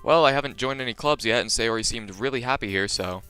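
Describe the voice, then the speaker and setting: A man's voice: mid-range voice, fast talker, smooth, no echo, faint music behind. A young man reading a visual novel aloud on a live stream, joking with his chat between lines. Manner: animated, jokey, chatting to viewers between lines.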